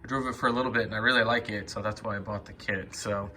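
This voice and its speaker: A young man hosting a car DIY video talks casually through a repair step by step while working in his garage, using plenty of fillers. His voice is fairly low and steady, quick, bright, and forceful. A little background noise can be heard.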